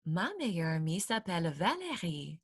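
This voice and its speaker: A woman voicing a chatty sixteen-year-old girl in a storybook, read slowly and clearly. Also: fairly low pitch, very animated, dry recording, studio quality, full character voice. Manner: slow, clear read-aloud delivery.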